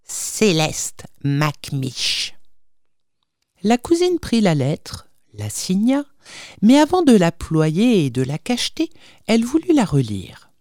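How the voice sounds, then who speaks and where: A woman narrating a storybook in a measured, expressive reading. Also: medium pitch, dry recording, clean studio sound. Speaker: audiobook reader.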